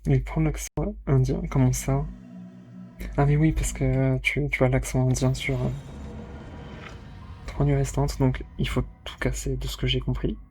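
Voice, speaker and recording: A man streaming a video game alone, muttering to himself and shouting out spell words. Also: medium pitch, level tone, unhurried, long pauses, faint music behind. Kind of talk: casual let's-play commentary.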